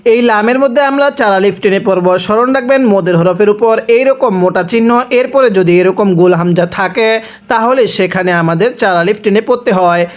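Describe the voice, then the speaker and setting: A man from Bangladesh teaching Quran recitation step by step. He draws out each syllable slowly, explains quickly in between, and keeps asking and answering his own questions. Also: high voice.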